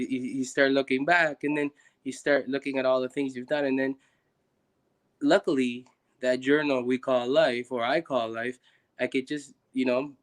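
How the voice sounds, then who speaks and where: A young man from Guatemala talking earnestly and reflectively as a guest, with many restarts. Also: medium pitch. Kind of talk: casual conversation on a live stream.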